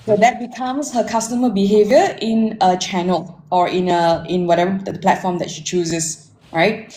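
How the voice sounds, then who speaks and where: A forty-year-old woman with a Malaysian accent, a marketing technology consultant appearing as an interview guest, casually describes herself and her career path. Her medium-pitched, dark voice keeps fairly even intonation at a moderate pace, she addresses listeners and tacks on "right?", and the echoey room carries faint background noise.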